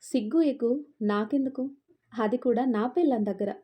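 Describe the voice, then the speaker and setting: A woman's voice: on the high side, moderate pace, lo-fi sound, lightly acted. A woman reading the part of a domineering, possessive young man who scolds and threatens. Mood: menacing. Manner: commanding, scolding.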